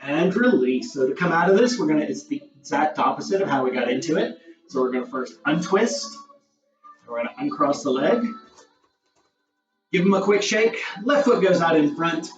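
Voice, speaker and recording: A man with a somewhat high voice guides a beginner yoga class, his cues calm and encouraging with relaxed asides. He sounds a little short of breath. The dull, distant recording has a roomy echo and faint music underneath. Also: normal speed. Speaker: yoga instructor.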